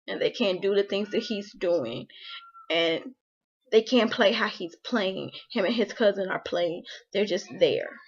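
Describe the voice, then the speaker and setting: A woman's voice: mid-range voice, a little slow, husky, lo-fi sound. A young woman and mother talking heartfelt and emotional to her viewers, filling her speech with "like". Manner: emotional, heartfelt, frequent "like" fillers. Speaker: vlogger, mother. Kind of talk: casual personal talk to camera.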